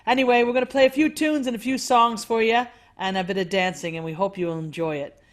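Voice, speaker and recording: A woman's voice: fairly high pitch, fairly even intonation, brisk. A woman speaking casually as the leader introducing a band.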